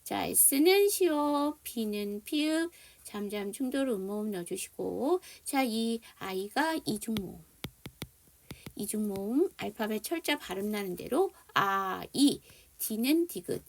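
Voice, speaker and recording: A woman's voice: mid-range voice, lively intonation, takes it slowly, gravelly. A woman teaching an online English phonics lesson, explaining spelling and sounds and leading students through repetition drills.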